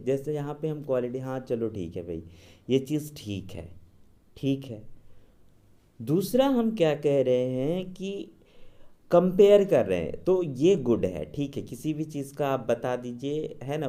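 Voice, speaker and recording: A man's voice: medium pitch, warm tone. A man teaching English grammar, patiently explaining and drawing out his English examples word by word. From India. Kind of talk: classroom grammar lesson.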